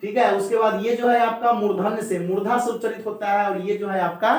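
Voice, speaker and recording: A man teaching a Hindi grammar lesson at a board, drilling each point slowly and repeating it while he speaks straight to his students. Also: high voice, fairly even intonation. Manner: slow, repetitive drilling, addresses students directly. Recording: very echoey room.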